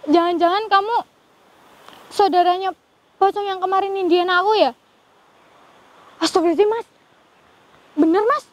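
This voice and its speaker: A woman with a very high voice hosts a ghost-hunting vlog. She sounds nervous throughout and keeps breaking into murmured prayers. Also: steady tone, moderate pace, long pauses, a little hiss or hum, poor audio. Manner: fearful, praying aloud often. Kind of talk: live paranormal investigation vlog.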